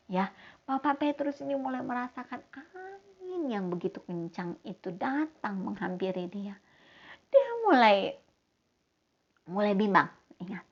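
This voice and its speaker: A woman telling a Bible story to children in a lively way, speaking to them directly and acting out the voices. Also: mid-range voice. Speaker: Sunday school teacher. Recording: dull lo-fi sound.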